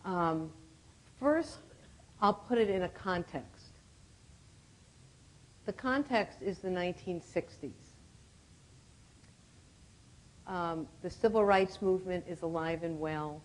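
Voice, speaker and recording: A woman in her seventies giving a reflective storytelling talk to a conference audience, often clearing her throat. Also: fairly low pitch, unhurried, long pauses, low-quality recording. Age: 70s. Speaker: conference speaker.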